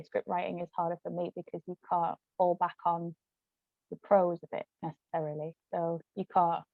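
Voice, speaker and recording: A guest author and actress rambles along in a casual discussion, her voice lowish and creaky. The audio is muffled and lo-fi, almost like a phone call, with a roomy echo.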